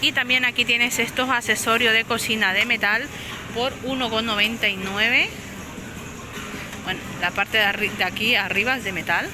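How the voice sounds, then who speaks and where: A chatty woman tours the aisles of a large discount supermarket, filming with a handheld phone and narrating prices and sizes while correcting herself. Her voice is a little high, the recording is rough, and music plays in the background.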